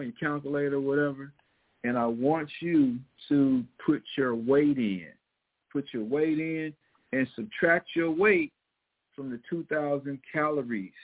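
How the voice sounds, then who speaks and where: A man with a Missouri twang giving casual, motivational coaching advice in a folksy, emphatic way, repeating his key points. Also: a little high. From Missouri, United States. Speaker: fitness and weight loss coach. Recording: thin phone-like audio.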